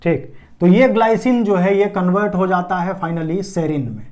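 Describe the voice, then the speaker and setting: High-voiced man teaching biology at a board. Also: moderate pace, a little mellow. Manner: asks and answers his own questions, checking understanding. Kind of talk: classroom lecture at a board.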